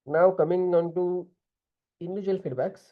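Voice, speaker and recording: A man's voice: high voice, fairly even intonation, normal speed, phone-quality sound. A man with an Indian accent giving direct group discussion feedback as an interview prep mentor, switching now and then into Hindi.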